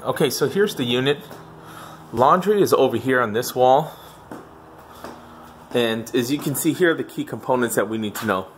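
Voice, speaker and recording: A man's voice: medium pitch, expressive, moderate pace, pauses often, a little hiss or hum. A man filming a walkthrough of a home garage on a handheld phone, advising on moving the laundry in an informal, thinking-aloud way. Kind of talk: casual walkthrough explanation. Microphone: handheld phone camera.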